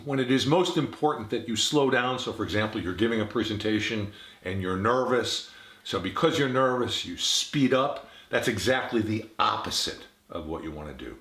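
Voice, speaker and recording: Lively low-voiced man teaching in an echoey room. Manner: demonstrates contrasting tones of voice. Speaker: communication trainer. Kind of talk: instructional talk to camera.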